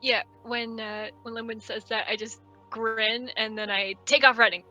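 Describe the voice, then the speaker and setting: A woman playing a tabletop game, giving soft, quiet replies in character. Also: fairly high pitch, level tone, moderate pace, faint music behind, rough recording. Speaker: player. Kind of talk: casual tabletop game play.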